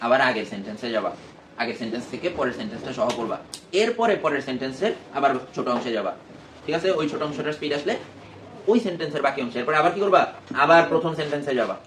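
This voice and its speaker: A man's voice: mid-range voice, big pitch swings, very fast, fairly bright tone. A male teacher giving a classroom lesson, patiently repeating phrases for his students. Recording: echoey classroom, faint noise.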